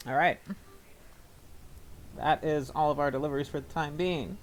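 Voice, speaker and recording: A man's voice: a little high, steady tone, moderate pace, slight background noise. A man streaming a video game, chatting casually and laughing at his own choices.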